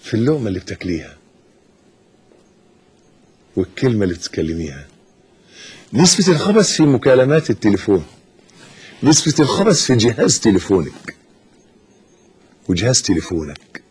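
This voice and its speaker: A man with an Egyptian accent preaching an impassioned sermon, swinging from hushed to loud. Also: lowish voice, big pitch swings, a little fast, pauses often, slight background noise. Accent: Egyptian Arabic.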